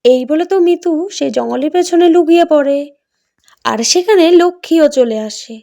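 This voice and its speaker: A woman tells a children's doll story in a high voice. Her tone is mellow and warm, and she speaks straight to her young listeners. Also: normal speed, vocal fry. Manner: lively storytelling, addresses children directly. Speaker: storyteller voicing doll characters. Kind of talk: doll story narration and role-play.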